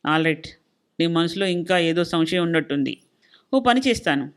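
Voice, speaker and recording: A woman's voice: lowish voice, lively intonation, normal speed, smooth, voice pushed down, close to an everyday voice. A woman voicing a stubborn middle-aged husband who lectures and scolds in an insistent, suspicious way. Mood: insistent lecturing.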